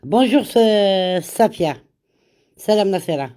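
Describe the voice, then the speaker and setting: Animated yet mellow, her medium-pitched voice carries a casual live chat even though she has a cold. She speaks slowly, repeats words, and greets viewers by name, mixing in Arabic greetings.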